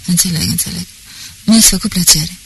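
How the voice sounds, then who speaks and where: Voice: mid-range voice, gravelly, fairly bright tone, slight background noise, low-quality recording. An audiobook reader voicing a boastful, talkative middle-aged police officer who rambles pompously. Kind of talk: audiobook character reading.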